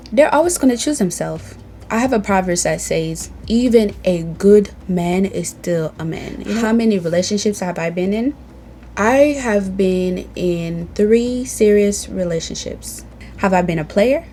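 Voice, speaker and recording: A young Tanzanian woman, a beauty vlogger, has a medium-pitched voice with a dark tone. Sitting indoors at home and reading from a tablet, she talks casually to camera in a bold, playful, sassy get-to-know-me video.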